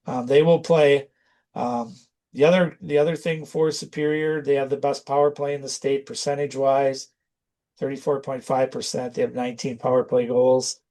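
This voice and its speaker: A man's voice: mid-range voice, a little mellow. Man talking hockey casually. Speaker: sports commentator. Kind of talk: casual sports talk preview.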